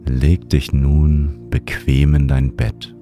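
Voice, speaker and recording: Man, extremely low voice, dark soft tone, soothing sleep-story narrator, guided bedtime meditation. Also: soft background music. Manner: sleep-story narrator delivery, slow and calming. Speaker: meditation podcast host.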